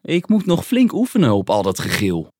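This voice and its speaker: A man's voice: lowish voice, huge pitch swings, normal speed, dark tone, dry recording, studio quality. A man voicing a dramatic young female creature in a storybook reading.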